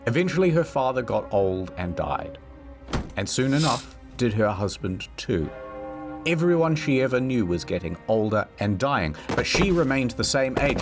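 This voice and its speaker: A man narrating a comedic history video, wry and storytelling, with sudden swings in pitch. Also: very animated, normal speed, music in the background.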